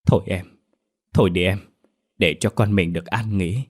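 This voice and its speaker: Horror story role: a tender grieving father, voiced by the male narrator, deep and gentle. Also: moderate pace. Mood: consoling.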